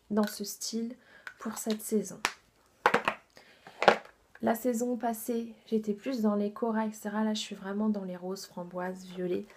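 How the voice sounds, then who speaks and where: A woman's voice: a little high, a little mellow, slight background noise. A woman reviewing her makeup haul in a chatty, enthusiastic way, with many fillers and asides that drop to a half-whisper. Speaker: beauty vlogger.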